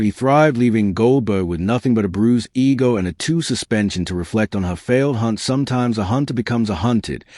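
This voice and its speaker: A man's voice: fairly low pitch, darkish tone, no room sound, clean studio sound. A man narrating scripted commentary in a sardonic, mocking manner.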